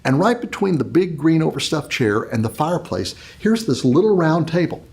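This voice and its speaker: A man's voice: fairly high pitch, sing-song, moderate pace, vocal fry. A man hosting a leadership show, giving a motivational talk and telling a story dramatically. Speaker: host, leadership speaker.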